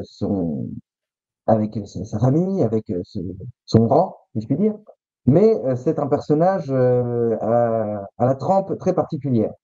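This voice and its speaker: A man, a guest author, telling history stories in a halting way, often restarting his phrases and teasing suspense. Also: mid-range voice, dark tone, no echo, muffled recording. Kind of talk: storytelling history chat.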